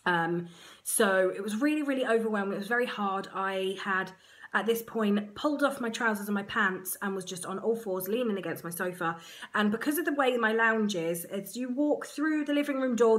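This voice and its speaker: A woman with an English accent chatting straight to camera, her voice sitting a little high. She talks frankly and with self-mocking humour, tossing in quick asides as she goes. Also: fairly bright tone. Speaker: surrogate mother vlogger. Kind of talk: casual storytelling to camera.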